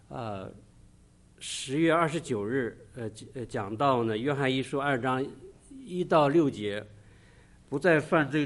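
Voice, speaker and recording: A middle-aged man giving a church sermon with personal testimony, speaking in an earnest, halting way with frequent pauses mid-sentence. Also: mid-range voice. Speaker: church preacher.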